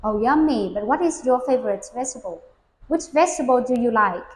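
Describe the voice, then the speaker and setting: A woman with a slightly high, expressive voice speaks briskly in an echoey room. She's running an English speaking test for a young learner, patiently putting simple questions and modeling complete sentences that the child repeats.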